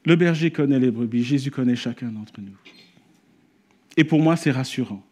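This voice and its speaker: A man preaching a sermon at a church service, telling a story and rising to animated exclamations. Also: medium pitch, moderate pace. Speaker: pastor.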